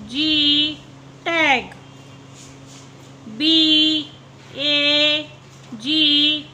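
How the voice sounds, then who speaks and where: A woman teaches phonics, spelling out each letter and sounding it with care. Her voice is high and very bright, and she talks at a very slow, drawn-out pace. A faint hum of ambient noise sits behind her. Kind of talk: phonics lesson for young learners.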